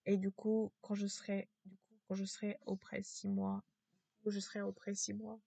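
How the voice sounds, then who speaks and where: Woman, casual vlog, low strained gravelly voice, monotone, hesitant, repeats herself. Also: normal speed, no echo. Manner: hesitant, repetitive, many fillers and restarts.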